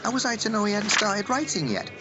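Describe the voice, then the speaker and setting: A man's voice: sits high, very animated, fast, lo-fi sound, very noisy. A man acting a whimsical, boastful time traveller in a playful, wisecracking, theatrical radio drama style. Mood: playful, excited.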